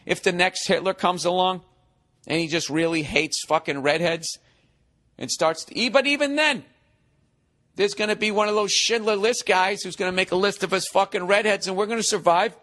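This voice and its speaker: A man in his forties hosts a podcast, reading out a listener's email and then ranting about it with sarcasm and profanity. His voice is high-pitched and sharp, at a moderate pace, and he sounds mocking and exasperated in this comedic rant.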